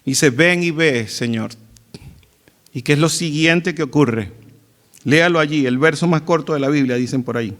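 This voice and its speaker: Animated man preaching a sermon. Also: fairly high pitch, normal speed. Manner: acts out quoted lines with dramatic cries and hushed asides. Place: church.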